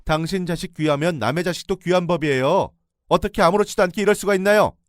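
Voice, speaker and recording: A man voicing an indignant young wife who shouts shrilly in defense of her sister-in-law. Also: high-pitched, quick pace, no echo, studio quality, pitched above the performer's own voice, natural voice. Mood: furious.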